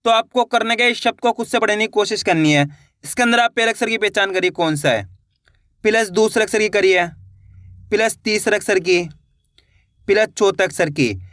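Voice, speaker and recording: A man teaching reading online, sounding out each syllable slowly and encouraging viewers to keep trying. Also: high-pitched, a bit bright, no echo, studio quality. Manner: spells words syllable by syllable, slow and drawn out; encouraging, addresses viewers as friends.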